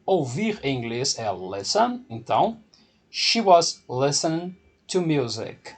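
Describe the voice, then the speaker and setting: A man's voice: fairly high pitch, slightly rough. A man teaching English grammar in a video lesson, speaking with a Brazilian Portuguese accent, patiently explaining step by step and repeating the rules.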